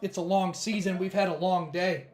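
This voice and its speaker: A man doing baseball play-by-play who is losing his voice, with calm measured calls that rise on big plays. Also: high voice, reverberant. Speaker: play-by-play announcer.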